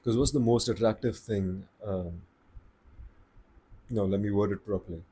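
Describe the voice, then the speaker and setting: Man, Indian accent, low husky voice, calm unhurried advice talk. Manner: slow, calm and deliberate, with pauses. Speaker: voice coach. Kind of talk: casual advice talk to camera.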